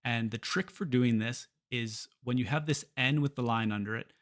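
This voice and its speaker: Man, pronunciation teacher, scripted lesson, mid pitch, slow clear repetitions, moves between Spanish and English. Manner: clear, deliberate, repeats example words slowly.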